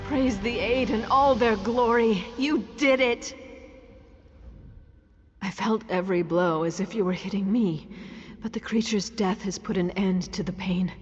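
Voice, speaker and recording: A woman voicing a solemn, grateful ghost in a fantasy video game, formal and earnest, breathy and husky, with a ghostly reverb. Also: mid-range voice, unhurried. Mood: relieved. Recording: long reverb, dull sound, music behind.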